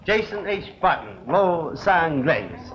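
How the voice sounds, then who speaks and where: Brash high-pitched 1930s newspaper reporter. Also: male voice, big pitch swings, takes it slowly. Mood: brash, wisecracking. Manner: slangy, flippant wisecracking. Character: brash, wisecracking, nosy male newspaper reporter. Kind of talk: 1930s film acting. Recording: dull, hissy vintage film soundtrack.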